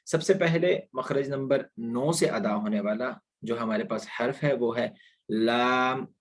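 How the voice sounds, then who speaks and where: A man teaching a Quran pronunciation lesson online, patiently explaining and repeating letter sounds slowly for students to copy. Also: medium pitch. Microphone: online class recording.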